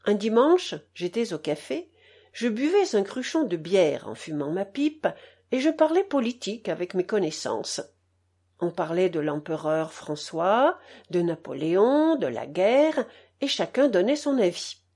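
Woman reading an audiobook, slow measured pace, lively pitch, mid voice. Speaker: audiobook reader. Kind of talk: expressive audiobook narration.

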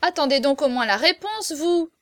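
A woman reading aloud, voicing an excitable young male servant who shouts boastful announcements. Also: high voice, moderate pace, dry recording, voice pushed up. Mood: shouting. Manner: loud, breathless exclamations.

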